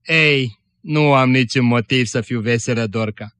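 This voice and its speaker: A man reading aloud and voicing a sad, doubting old peasant woman in a low, subdued voice. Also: fairly bright tone, natural voice. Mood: weary.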